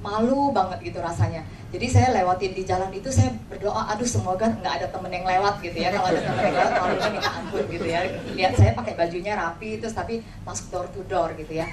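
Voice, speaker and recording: Over a noisy crowd, a woman with a Jakarta Indonesian accent speaks fast at a medium pitch, delivering an informal motivational talk as an agency leader. She shares personal anecdotes conversationally, acts out quoted dialogue, and keeps using tag words to seek agreement from the audience in an indoor room. The mic is distant and the room echoey and noisy.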